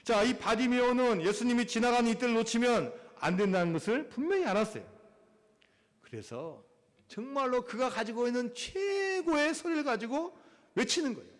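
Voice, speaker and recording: A male pastor preaching a sermon in a church, acting out quoted voices and swinging between loud calls and hushed asides. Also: very high-pitched, expressive, moderate pace. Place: church sanctuary. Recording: long reverb of a church hall.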